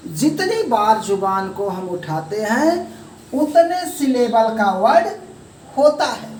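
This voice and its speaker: A woman teaching an English grammar lesson, explaining slowly step by step and calling the viewers friends. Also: high voice, a little mellow, a little hiss or hum. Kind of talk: classroom-style grammar lesson. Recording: echoey room, voice from a distance, faint ambience.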